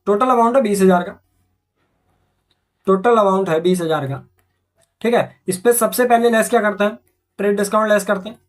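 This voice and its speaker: A man's voice: high voice, normal speed, pauses often. A man teaching accountancy, walking through journal entries step by step and asking and answering his own questions as he goes. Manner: repetitive, asks and answers own questions, frequent "theek hai".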